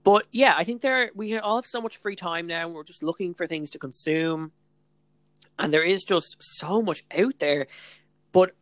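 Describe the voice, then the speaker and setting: A woman's voice: low-pitched, a bit bright, dry recording. A young Irish woman co-hosting a podcast, chatting casually in a bubbly, gushing way peppered with filler slang. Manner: bubbly, gushing, heavy use of "like" and "literally". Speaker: podcast co-host. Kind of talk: casual chat.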